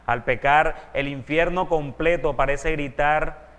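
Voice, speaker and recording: A man's voice: a little high, takes it slowly, a bit bright, in a large hall. A man, a pastor, teaching a sermon earnestly and asking his listeners rhetorical questions.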